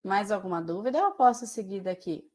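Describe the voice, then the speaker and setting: A woman's voice: mid-range voice, lively intonation, a little fast, a little mellow. A woman from Mato Grosso do Sul teaches a class in a chatty, conversational way. Her Brazilian Portuguese carries a São Paulo caipira tinge. She fills her talk with small fillers and keeps putting questions to her students. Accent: Brazilian Portuguese with São Paulo caipira influence. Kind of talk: online class lecture.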